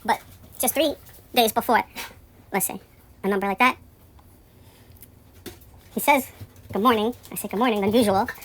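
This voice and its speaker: A woman telling a rambling story in a casual monologue, profane and indignant, her voice climbing high and loud when outraged. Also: moderate pace, pauses often.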